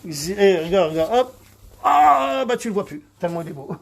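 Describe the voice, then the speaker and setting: Man excitable, high-pitched and fast. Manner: excitable, boastful, rambling. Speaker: car detailer. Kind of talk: casual chat while working.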